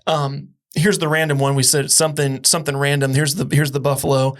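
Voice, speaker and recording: A man's voice: medium pitch, little pitch movement, a little fast. A man hosting a podcast, asking questions in a joking, rambling way. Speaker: podcast host. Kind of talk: casual interview conversation.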